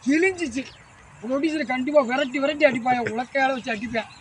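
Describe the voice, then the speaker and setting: A man's voice: very high voice, quick pace. An actor playing an irritable man who scolds his foolish helper in a village web series comedy. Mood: exasperated. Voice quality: scolding, exasperated elder-brother manner. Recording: outdoor recording with clear background noise.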